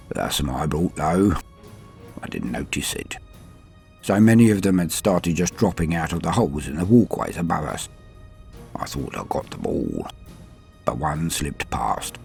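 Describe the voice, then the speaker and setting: A man acts a dying, centuries-old veteran space-marine sergeant in a scripted first-person sci-fi audio drama monologue over music, using a full character voice. The voice is extremely deep, gravelly and heavily creaking. Stoic, proud and dutiful, he speaks in a halting, solemn way, grim and regretful, swinging between murmur and force.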